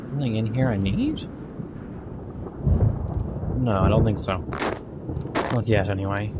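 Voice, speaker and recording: A man's voice: lowish voice, unhurried, heavy background noise. A man giving casual let's-play commentary as he plays a video game. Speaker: gamer. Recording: loud game music behind the voice. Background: loud game music.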